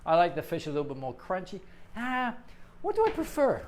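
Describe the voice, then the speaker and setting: A man's voice: high voice, wildly swooping pitch, fairly quick, darkish tone. A middle-aged man teaching English on a live stream, chatting playfully with viewers and joking as he explains.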